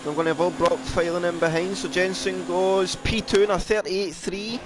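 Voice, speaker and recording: A man's voice: sits high, fairly even intonation, background noise. South African man calling a sim race. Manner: brisk, chatty play-by-play of lap times. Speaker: race commentator. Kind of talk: sim racing commentary.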